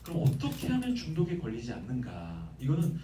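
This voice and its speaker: A male pastor preaching a sermon in lively, conversational style, often asking the congregation questions. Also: medium pitch, fairly quick, roomy sound, distant mic, a little hiss or hum. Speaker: guest pastor. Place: church sanctuary.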